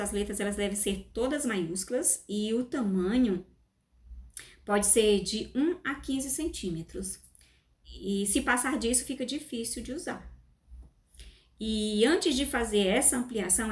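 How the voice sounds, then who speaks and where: Woman explaining in an echoey room. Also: mid-range voice. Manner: careful, explanatory, with small restarts. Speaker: student presenter. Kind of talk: class presentation.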